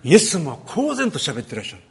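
A man giving a sermon on a Bible passage, talking in a lively way with many pauses and filler words. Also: on the high side, breathy edge. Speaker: pastor.

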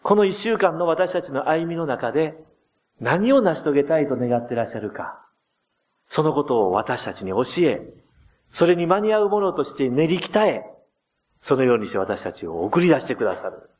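Animated pastor preaching with a swinging voice. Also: male voice, normal speed. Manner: gentle, explanatory, addresses the congregation with soft tag endings; dramatizes quoted words with shifts of pitch and loudness. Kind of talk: sermon.

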